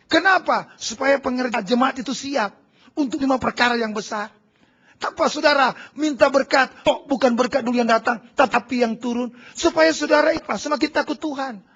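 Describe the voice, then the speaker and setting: A man preaching a charismatic sermon as pastor, swinging between shouted exhortation and hushed low prayer. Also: breathy edge, muffled recording. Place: large church hall.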